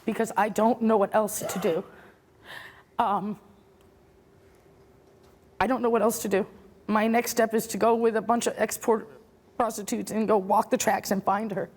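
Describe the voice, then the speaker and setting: Steady in tone and darkish in color, this mid-range voice belongs to a middle-aged woman who speaks at normal speed and pauses often. On a talk show, she gives emotional, earnest, regretful testimony and grows defensive when pushed back on.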